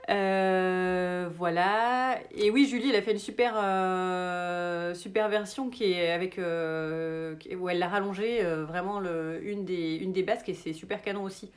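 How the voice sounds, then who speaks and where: A woman's voice: lowish voice, a little slow, few pauses. Chatty woman teaching sewing, echoey room. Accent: English. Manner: relaxed and chatty, many fillers. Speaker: sewing instructor. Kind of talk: live sewing tutorial.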